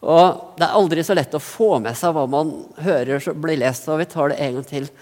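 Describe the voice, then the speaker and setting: A man's voice: on the high side, a little mellow. Norwegian man preaching in a reverberant hall. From Norway. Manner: earnest, reflective, with rising emphasis in places. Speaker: pastor. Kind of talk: sermon.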